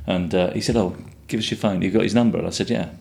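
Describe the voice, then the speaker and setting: Low-voiced Englishman in his fifties. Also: steady tone, quick pace, vocal fry, darkish tone. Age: 50s. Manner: rambling storyteller, swears freely. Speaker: guest artist. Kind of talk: casual chat.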